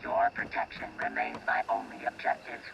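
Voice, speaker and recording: A protective android guardian, voiced by a man, speaks in clipped, formal machine statements with a rough, gravelly edge. His synthetic robot-like tone still swings widely up and down in pitch, and loud music plays behind him. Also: huge pitch swings, normal speed, heavily acted. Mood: mechanical.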